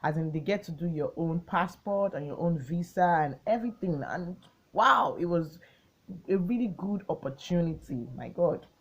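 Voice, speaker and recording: A woman's voice: lowish voice, moderate pace, slightly rough, poor audio. A woman, chatting casually to her channel in a rambling storytime vlog. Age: 20s. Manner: chatty, rambling, gets excited recounting the story. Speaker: vlogger.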